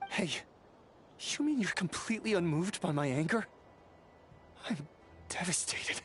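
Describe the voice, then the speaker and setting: A man voicing an earnest, emotional young master who frets over his comrade in a video game, speaking in a halting, expressive way. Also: high-pitched, a little hiss or hum. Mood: indignant, hurt.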